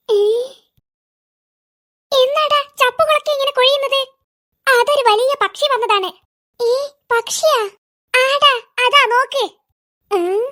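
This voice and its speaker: Woman doing squeaky chattering cartoon schoolboys. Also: full character voice. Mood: startled. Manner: quick excited kid chatter. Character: chattering young schoolboys, curious and jumpy.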